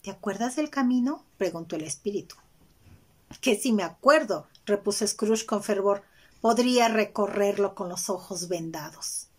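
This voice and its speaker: A woman narrating a classic story calmly as part of a group reading. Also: mid-range voice, normal speed, breathy edge. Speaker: volunteer reader. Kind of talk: audiobook narration.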